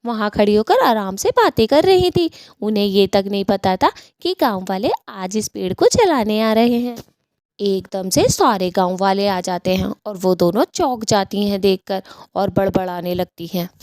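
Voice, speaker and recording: A woman narrating a cartoon story in a plain, steady storytelling manner. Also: mid-range voice, normal speed, no echo, clean studio sound.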